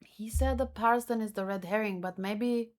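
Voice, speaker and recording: This manga read-along host has a mid-range voice and a moderate pace. She reacts casually, thinking out loud in a hesitant, musing manner and frequently repeating herself.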